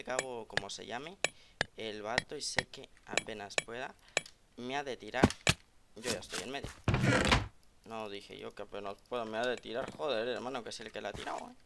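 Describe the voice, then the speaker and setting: Male gamer commentator, mid-pitched gravelly voice, excitable trash talk, noisy desk-mic recording with an echoed doubled voice. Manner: excitable, jokey trash talk aimed at opponents. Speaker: gaming video creator. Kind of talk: live game commentary. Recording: loud background noise, keyboard clicks, doubled voice from an open call.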